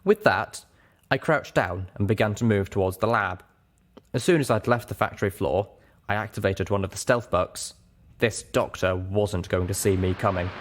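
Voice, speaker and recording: A man with a fairly low voice reads an audiobook at a moderate pace. The material is scripted first-person story prose.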